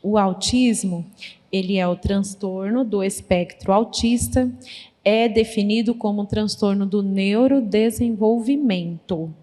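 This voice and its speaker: A woman pedagogue giving a lively talk at a church conference, speaking straight to the audience and acting out little conversations. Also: medium pitch, measured pace. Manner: lively, addresses audience directly; acts out quoted conversations. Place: church hall. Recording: long reverb of a large hall.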